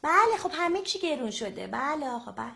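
A very high-voiced woman plays a radio presenter in a comic phone sketch. She keeps things polite and chatty and is forever apologizing to whoever picks up. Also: very animated, creaky, pushed and bright.

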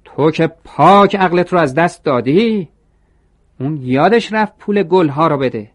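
A man voicing an angry middle-aged shop manager who yells curt orders at an employee. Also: a little high, lively intonation, pitched above the performer's own voice. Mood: furious.

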